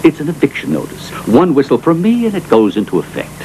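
A man's voice: on the high side, huge pitch swings, fast, warm tone, slight background noise, rough recording. An actor playing a haughty, scornful rich aristocratic father in a dubbed film, speaking in a pompous, sneering manner. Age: middle-aged. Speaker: wealthy father.

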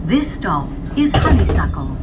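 A woman's pre-recorded tram stop announcements, with words spliced together and read in a measured, even announcer manner. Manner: measured, evenly paced announcer delivery. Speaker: automated transit announcer. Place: inside a moving tram. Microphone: onboard public-address loudspeaker. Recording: dull loudspeaker with loud vehicle noise. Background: rumbling tram and traffic noise.

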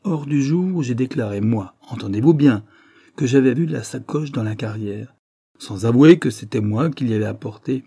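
In a studio-quality recording with no room sound, a man with a mid-range, dark, husky voice reads an audiobook at normal speed. He voices an anguished young man consumed by guilt, whose tormented confession rises into desperate outbursts.

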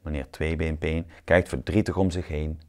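A man reading a children's picture book aloud as the storyteller, calm and clear. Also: rumbling low, normal speed.

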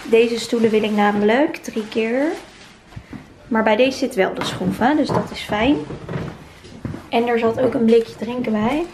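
A woman's voice: a little high, measured pace, pauses often, noisy background. A young woman in her twenties chatting in a casual vlog, filming herself handheld in an empty new apartment. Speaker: vlogger. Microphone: handheld camera close to the face.

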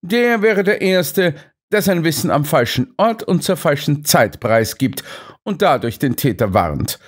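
A man voicing a sharp, aloof detective who speaks dryly and curtly in an audiobook. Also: a little high, sing-song, a little slow, slightly rough, voice pushed up, full character voice. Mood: cool, dry. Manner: dry, detached, curt.

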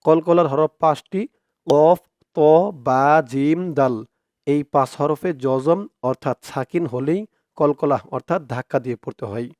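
A man teaching Quran recitation word by word, stretching out the recited syllables and then explaining quickly in a softer voice. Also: a little high, no room sound, clean studio sound. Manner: slow, drawn-out recitation alternating with quick spoken explanation.

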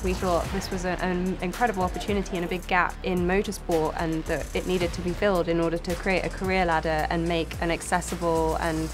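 A young woman, a championship co-founder, speaking earnestly in a documentary interview with a few quick restarts. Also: lowish voice, level tone. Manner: earnest, fluent, with brief restarts. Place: dark studio set. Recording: music bed under voice. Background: music bed.

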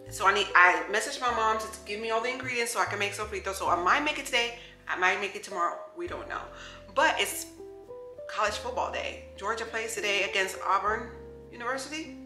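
A woman in her thirties from New York, chatting casually to camera in her home kitchen as a lifestyle vlogger, upbeat and talking straight to her viewers. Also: mid-range voice. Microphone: camera close on the counter. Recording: echoey kitchen with faint music.

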